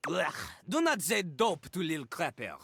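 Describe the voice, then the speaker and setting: Lil Crapper, a brash toilet rapper. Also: male voice, on the high side, big pitch swings, unhurried, vocal fry, a bit bright, slightly rough, no room sound, exaggerated voice. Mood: offended. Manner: raps and beatboxes in rhyme. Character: cocky male toilet rapper, brash and touchy. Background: hip hop beat.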